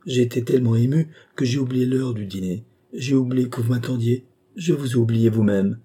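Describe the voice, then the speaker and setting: A man's voice: mid-range voice, brisk, mellow, breathy edge, pitched above the performer's own voice, natural voice. A man voicing a scheming, self-assured woman of the manor in an audiobook, cool and mildly ironic. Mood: composed. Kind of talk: audiobook character voice.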